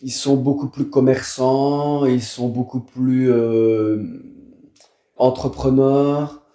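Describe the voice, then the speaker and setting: Un homme originaire de Wallonie avec un accent belge, invité d'une discussion détendue, qui parle avec beaucoup d'hésitations et de répétitions. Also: male voice, medium pitch, flat delivery, takes it slowly, warm tone, roomy sound. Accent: Belgian French. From Wallonia, Belgium. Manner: hesitant, many fillers and repeated words. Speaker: guest. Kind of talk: casual conversation.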